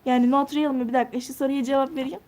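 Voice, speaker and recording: Teen girl streamer, high-pitched, casual and chatty, thinks out loud while reading comments. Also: fairly even intonation, racing. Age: teens. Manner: chatty, answers viewer comments one by one; thinks out loud while touring a game house. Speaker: live streamer.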